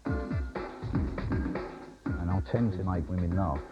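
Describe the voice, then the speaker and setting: A man's voice: low-pitched, slow. A man in a documentary interview, boastful and blunt, swearing freely, heard off a worn VHS tape copy. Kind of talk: candid interview talk. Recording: dull worn tape copy with music behind.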